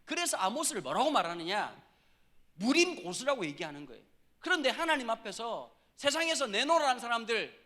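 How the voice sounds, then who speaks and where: A middle-aged man preaching a sermon as a pastor, telling humorous stories and breaking into loud shouted impressions. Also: very high-pitched.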